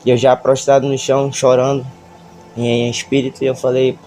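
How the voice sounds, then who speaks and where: A nervous man with a Brazilian Portuguese accent gives an emotional church testimony. He halts and stammers often. His voice is mellow and dark, and it stays level, with soft music far behind him. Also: mid-range voice, level tone. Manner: halting, stammering, emotional retelling. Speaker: church member giving testimony.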